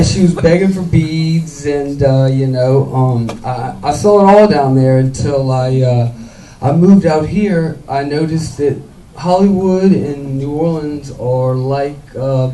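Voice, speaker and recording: A stand-up comedian from Louisiana, rambling with lots of fillers on a club stage. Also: male voice, medium pitch, dark tone, slight background noise. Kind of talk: stand-up routine. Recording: echoey club, mic from far off.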